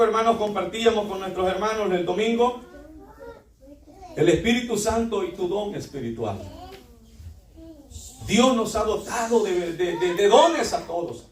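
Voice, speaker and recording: A man's voice: sits high, echoey room, distant mic, slight background noise. A man preaching a fervent sermon in a church, often addressing the congregation as brothers.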